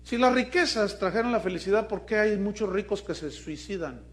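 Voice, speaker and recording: A man's voice: high voice, lively intonation, brisk, a bit bright. A man with a Mexican accent preaching a sermon to his congregation, emphatic and full of questions to the listeners. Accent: Mexican Spanish. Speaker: pastor.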